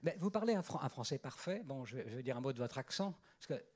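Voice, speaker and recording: A man's voice: mid-range voice, expressive, fast talker, a little mellow, husky. A man conducting a public interview, speaking conversationally as he prompts his guest with questions and sums up his book.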